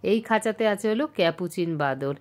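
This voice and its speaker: A woman's voice: lowish voice, fairly quick. A woman vlogging as she walks around a zoo, talking chattily to a handheld camera. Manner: chatty, excitable pointing-out. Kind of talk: casual walking vlog narration. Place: outdoors at a zoo.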